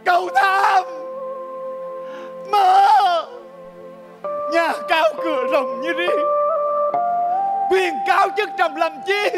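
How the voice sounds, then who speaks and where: An indignant old servant. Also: male voice, extremely high pitch. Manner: tearful, indignant declaiming. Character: loyal old male servant, proud and wounded. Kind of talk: stage comedy sketch acting.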